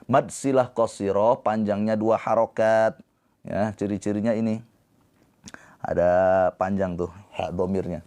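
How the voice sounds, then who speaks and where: A man teaching tajwid on a live stream, explaining slowly and patiently and breaking into drawn-out chanted recitation. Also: fairly low pitch, steady tone, a little mellow, clean tone. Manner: talks to viewers in the comments.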